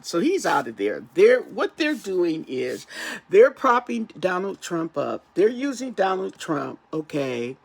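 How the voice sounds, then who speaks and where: A tarot reader talking casually to camera while getting over an illness, halting and repetitive, often tagging phrases with a questioning check-in. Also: mid-range voice, creaky. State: recovering from an ear infection. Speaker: tarot reader, channel host.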